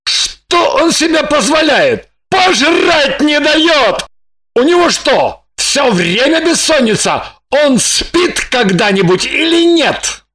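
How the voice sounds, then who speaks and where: A woman voicing a hungry, indignant grown man who is hiding from a husband, speaking loudly and theatrically. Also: lowish voice, takes it slowly. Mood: outraged. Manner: loud, outraged, theatrical.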